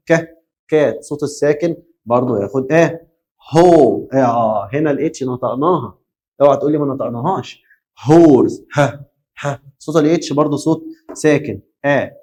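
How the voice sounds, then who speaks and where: A young man with an Egyptian Arabic accent teaching English grammar in a lively classroom manner, often asking questions and answering them himself. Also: fairly high pitch. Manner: lively, drills students, asks and answers his own questions.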